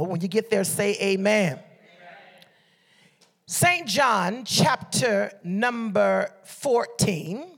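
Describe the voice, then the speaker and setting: A man's voice: high voice, vocal fry, a bit bright. A middle-aged man from Liberia, preaching a sermon with fervent call-and-response exhortations to the congregation.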